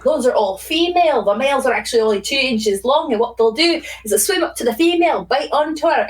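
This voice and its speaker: A woman's voice: high-pitched, distant mic, low-quality recording. A woman guest on a podcast, chatting casually and telling fun facts in a storytelling way. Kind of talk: casual chat.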